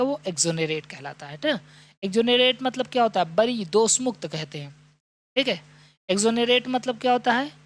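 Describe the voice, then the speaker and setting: A man teaching an exam-prep vocabulary lesson. He reads the English definitions slowly, explains them, and keeps asking and answering his own questions. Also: extremely high pitch, fairly bright tone.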